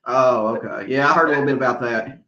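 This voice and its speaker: A man's voice: medium pitch, fast talker, crowd noise. A man asking questions and responding casually in a conversational interview. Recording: dull, echoey radio-like call audio.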